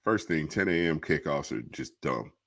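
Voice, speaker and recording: A man's voice: a bass voice, lively intonation, normal speed, no room sound, clean studio sound. A man co-hosting a casual college football talk show, giving blunt, opinionated takes. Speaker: co-host.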